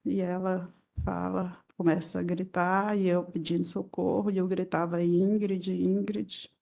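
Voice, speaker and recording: A woman with a Brazilian Portuguese accent testifying as a victim in court, retelling events in halting, fragmented phrases. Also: on the low side, flat delivery, vocal fry, a little mellow.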